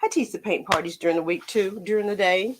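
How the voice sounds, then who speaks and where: A woman's voice: medium pitch, fast talker, noisy background. American lady livestreaming, kinda tinny metallic voice, chatty and rambly, playful asides to whoever's watching. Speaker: art teacher hosting painting livestream. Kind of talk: casual livestream chat.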